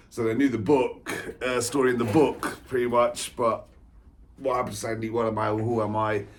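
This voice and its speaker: A man's voice: mid-range voice, level tone, normal speed, a little hiss or hum. A man, an author talking through his life story in a rambling, chatty way, laughing often and repeating himself. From England. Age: 40s. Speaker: author and spiritual coach. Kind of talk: rambling personal monologue.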